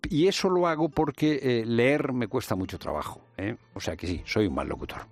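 A man's voice: mid-range voice, animated, moderate pace, no room sound. A man with a light Andalusian Spanish accent, a guest in a radio interview, talking hesitantly with many fillers and restarts. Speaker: guest journalist and documentary maker.

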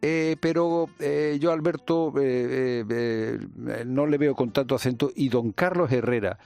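A man's voice: mid-range voice, a little slow, darkish tone, dry recording, soft background music. A man with a light Andalusian Spanish accent, a guest in a radio interview, talking hesitantly with many fillers and restarts. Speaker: guest journalist and documentary maker.

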